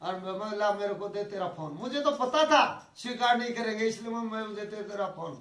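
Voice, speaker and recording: A man's voice: high voice, normal speed, fairly bright tone. A man from Rajasthan giving a devotional talk as a preacher, telling stories and acting out the dialogue. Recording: echoey from far off.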